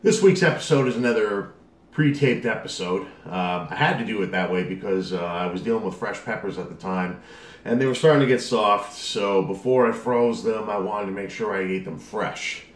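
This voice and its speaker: Low-voiced man vlogging in an echoey room. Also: normal speed. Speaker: vlog host. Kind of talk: casual chat to camera. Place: dining room at home. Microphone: camera across the table.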